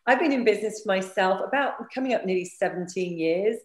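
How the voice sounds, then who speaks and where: A woman with a croaky, froggy morning voice, answering conversationally as a business coach being interviewed and repeating phrases for emphasis. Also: mid-range voice, lively intonation, quick pace. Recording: roomy, echoey sound.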